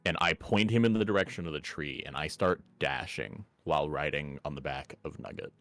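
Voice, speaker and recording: A man's voice: extremely low pitch, a little fast, fairly bright tone, soft background music. A man playing a tabletop game, describing his actions with a wry, joking manner. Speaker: player. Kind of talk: casual tabletop play.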